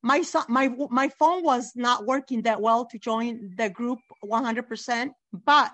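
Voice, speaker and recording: High-voiced, emotional, insistent mother. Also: unhurried, fairly bright tone. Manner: insistent, repeats herself, restarts often. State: emotional, near tears. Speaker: bereaved mother, guest. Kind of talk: emotional interview testimony.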